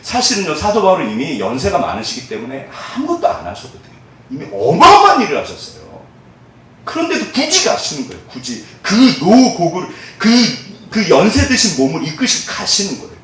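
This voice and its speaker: A male pastor delivers a sermon in a church sanctuary, his voice sitting high and his pace brisk. He is animated, acting out the voices of church members, then drops to soft, hushed tones in moments of prayer. The mic is distant and the hall echoes.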